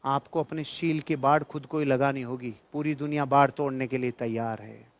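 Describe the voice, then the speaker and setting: In a mid-range voice with steady tone and moderate pace, a man gives a motivational speech, preaching to an audience. His manner is emphatic and admonishing, he repeats phrases for effect, and there's no room sound on the recording.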